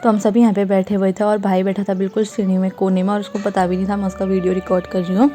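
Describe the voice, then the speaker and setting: A woman's voice: mid-range voice, level tone, fast, warm tone. A young woman narrating a casual family vlog, often switching into coaxing baby talk with her toddler. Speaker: vlogger, mother.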